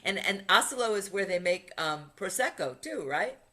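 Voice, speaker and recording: A podcast host and retreat leader chats in a casual interview, her mid-range voice swinging widely in pitch with a sharp tone at normal speed. She's upbeat and talkative, laughing as she tells stories.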